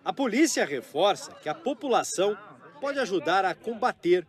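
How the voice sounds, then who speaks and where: A male TV reporter with a Brazilian accent, narrating a news report in a measured, grave tone. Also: high voice, big pitch swings. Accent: Brazilian Portuguese.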